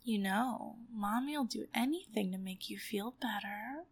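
A woman performing an ASMR role-play in a sultry, doting, breathy voice. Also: a little high. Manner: sultry, slow, doting narrator.

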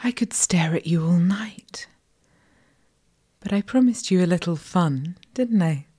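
A woman performing a whispered intimate audio roleplay for the listener, coaxing and giving gentle commands. She whispers breathily into a close microphone. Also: lowish voice, expressive, breathy edge. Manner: slow, soft, coaxing and commanding.

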